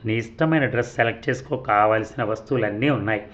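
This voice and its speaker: A man voicing a smooth, persuasive young male photographer who turns curt and commanding. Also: on the low side, fast talker, fairly bright tone, dull audio, close to an everyday voice. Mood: coaxing. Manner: coaxing, then curt and commanding.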